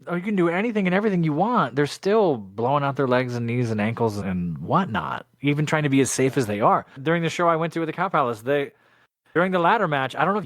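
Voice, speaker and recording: A man co-hosting a podcast, telling stories in an animated, explaining way. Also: on the high side, no room sound, studio quality. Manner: animated storyteller, explains and asks. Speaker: podcast co-host. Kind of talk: casual chat.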